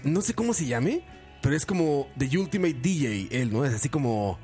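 A man's voice: mid-range voice, animated, moderate pace, darkish tone, faint music behind. A man hosting a podcast, telling stories in a loose, slangy way and laughing often. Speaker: podcast host. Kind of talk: casual chat.

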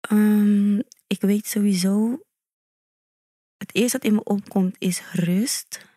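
A calm woman speaking as a podcast guest, her voice even and flat with little melody. She tells her story in a measured way, often pausing on fillers. The sound is dry and close to the mic. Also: medium pitch, dry recording. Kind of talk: conversational podcast interview.

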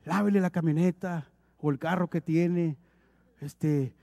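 A man's voice: a little high, steady tone, measured pace, gravelly, dark tone, dry recording, clean studio sound. A male preacher delivering an emphatic, exhorting sermon, lightened with humorous acted asides.

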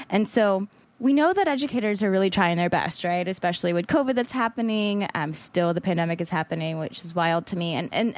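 A woman from the Philippines hosting an education podcast, talking casually and enthusiastically with many fillers. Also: lowish voice. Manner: enthusiastic, filler-heavy with frequent "like" and "um". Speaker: podcast host. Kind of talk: casual interview chat.

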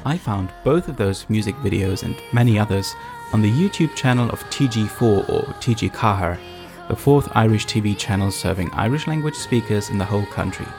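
Lowish-voiced man narrating a documentary. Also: lively intonation, a little fast, over music. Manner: explanatory, addresses the listener directly. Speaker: host, narrator. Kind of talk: scripted narration for a language documentary.

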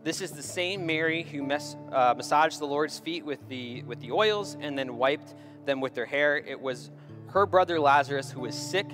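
A man's voice: fairly high pitch, moderate pace, music in the background. A man giving a sermon as a pastor, retelling a Bible story in a conversational way and often checking in with "right?".

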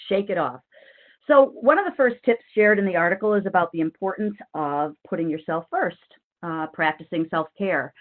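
A podcast host in a relaxed, encouraging tone, asking a guest questions. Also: mid-range voice, moderate pace, rough recording. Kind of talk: casual interview conversation.

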